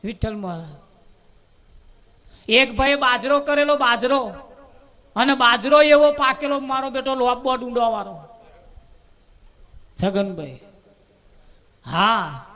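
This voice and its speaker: A man telling a humorous parable at a devotional gathering, lively and fond of drawn-out repetition. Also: very high-pitched. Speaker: devotional storyteller at a bhajan gathering.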